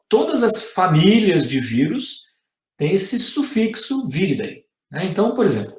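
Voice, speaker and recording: A man's voice: on the high side, reverberant. A middle-aged man with a Brazilian Portuguese accent giving a university lecture as a guest professor, explaining step by step and ending many sentences with "né?" or "tá?".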